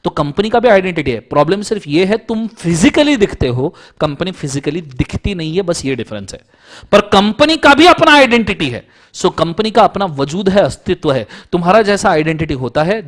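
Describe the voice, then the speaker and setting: A young man giving an exam-prep law lecture, explaining points with everyday examples and checking in with his students. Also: sits high.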